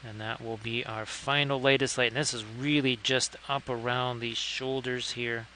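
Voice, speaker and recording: A man's voice: medium pitch, little pitch movement, normal speed, pushed and bright, a little hiss or hum. A man hosting a casual live stream, chatty, with wry asides and frequent thanks to viewers. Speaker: live-stream host painting miniatures.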